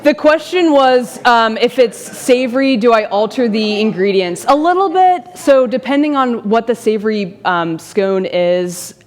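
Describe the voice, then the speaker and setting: A woman's voice: fairly high pitch, expressive, measured pace, few pauses. Woman demonstrating baking in a reverberant room. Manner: friendly, answers questions by name, laughs easily. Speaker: presenter demonstrating baking at a church forum. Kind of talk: casual demonstration with audience Q&A. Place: church forum room with audience.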